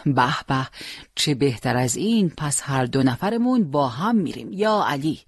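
Reader doing a restless young wounded soldier, pushy and determined, pitched up, husky dry audio. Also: lively intonation, dry recording. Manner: impatient, determined. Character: young wounded male fighter, eager and restless.

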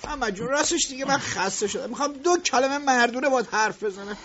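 A man playing a domineering, quick-tempered factory owner in an audiobook radio drama, talking sarcastically to his workers. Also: very high-pitched, a bit bright, slight background noise. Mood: coaxing. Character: domineering middle-aged male factory owner. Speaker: factory boss. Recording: dull lo-fi recording.

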